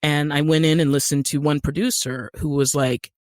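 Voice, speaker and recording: This podcast guest, an actor and writer from Utah, is a middle-aged American woman who tells stories in a relaxed interview style, poking fun at herself with dry wit. She speaks at a normal speed in a low voice with fairly even intonation, and the studio recording is clean and dry.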